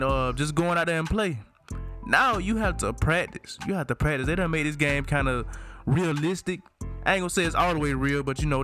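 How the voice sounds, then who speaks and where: A man's voice: fairly high pitch, fairly bright tone. A man from Alabama with a Southern country accent, hosting a gaming channel with casual, slangy, hyped review commentary. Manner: slangy, informal hype talk.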